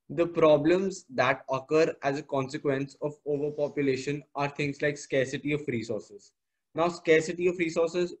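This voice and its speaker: A male student in his late teens speaks with an educated Indian English accent. His voice sits slightly high for a man. He delivers a formal presentation in an earnest, carefully worded way. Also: low-quality recording. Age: teenager, about 16 or 17.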